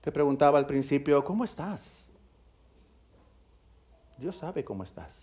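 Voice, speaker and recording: A male pastor preaching a sermon. He tells a story, swinging between loud, emphatic peaks and soft, hushed passages. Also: mid-range voice, lively intonation, brisk.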